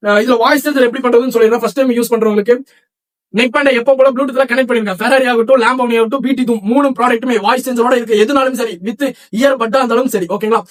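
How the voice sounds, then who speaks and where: A man from Tamil Nadu who runs a shop, chatting rapidly through a product demo and sales pitch and often checking with viewers. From Tamil Nadu, India. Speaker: shop seller presenting products.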